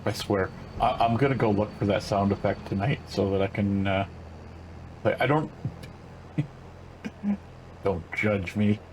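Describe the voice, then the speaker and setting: Older dude rambling thru a farming game, kinda low voice, lots of uhs, faint background hiss. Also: male voice, flat delivery, a little slow, long pauses, a little mellow, poor audio. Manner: rambling, laid-back, many fillers and self-corrections. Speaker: gaming channel host. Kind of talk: casual gameplay commentary.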